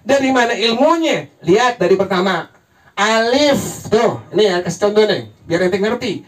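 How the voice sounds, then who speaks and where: A man's voice: sits high, expressive, a little fast. A man teaching an evening Quran recitation lesson. He jokes and keeps quizzing his listeners with questions they answer together. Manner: jokey, quizzes the audience with call-and-response questions. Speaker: Islamic religious teacher. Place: study hall with a gathered congregation. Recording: congregation calling out answers in background.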